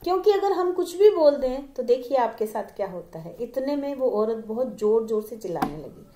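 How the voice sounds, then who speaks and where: A woman's voice: on the high side, very animated, normal speed, echoey room, background noise. A woman vlogger in an earnest, preachy manner, telling a moral story to her viewers.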